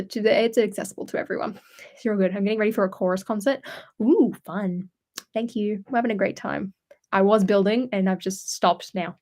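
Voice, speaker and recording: A woman's voice: medium pitch, darkish tone. Young woman, host, loose chatty live-stream storytelling, mid-range voice. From Australia. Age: young adult. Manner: chatty rambling storyteller, many fillers. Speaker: channel host. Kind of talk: casual live-stream chat. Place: at home indoors.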